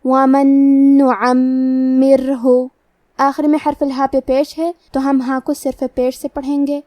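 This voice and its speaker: A woman with a high, mellow voice teaches Quran recitation, explaining each letter step by step. She recites verses slowly, drawing out each word. The recording is close and dry. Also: level tone, no room sound. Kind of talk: tajweed lesson with slow recitation.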